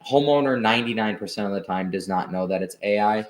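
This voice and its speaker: Low-voiced man explaining on a podcast. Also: quick pace. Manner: relaxed explaining with many fillers and restarts. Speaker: guest, agency founder. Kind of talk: casual interview chat.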